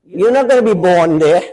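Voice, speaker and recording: A man preaching a sermon, putting questions to his congregation and swelling to shouts on key points. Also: sits high, lively intonation, measured pace, low-quality recording.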